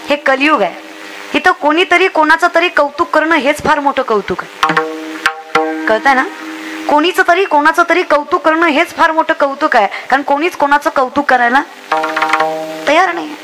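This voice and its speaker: A woman's voice: high voice, normal speed, long pauses, over music. A young woman preaching a comic devotional sermon, urging the crowd and acting out villagers' lines. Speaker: kirtan preacher.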